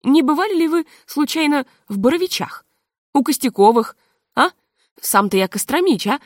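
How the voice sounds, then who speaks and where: A woman's voice: sits high, expressive, moderate pace, no echo, clean studio sound, voice pushed up. A woman voicing a chatty provincial man who keeps pressing with questions in a story reading. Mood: eager. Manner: folksy, insistent questioning.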